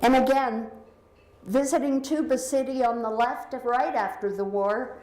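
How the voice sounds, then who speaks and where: A woman's voice: fairly high pitch, a little slow. A woman giving a slide talk about her book, her voice echoing through a hall's sound system as she explains pictures one by one. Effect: big hall echo through a loudspeaker. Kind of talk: lecture presentation. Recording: echoey hall with faint noise.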